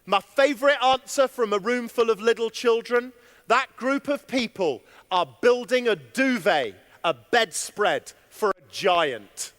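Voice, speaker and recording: High, lively man on a hall stage. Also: a little slow. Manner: animated, chatty, asks the audience questions. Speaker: keynote speaker. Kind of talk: energetic conference keynote. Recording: long hall reverb.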